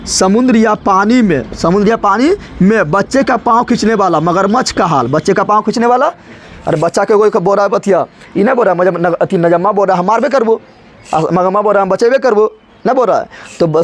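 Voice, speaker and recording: Guy teaching fast, high voice, keeps asking and answering himself. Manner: repeats his own questions and answers them, addresses students directly. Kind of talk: classroom lesson explaining a story.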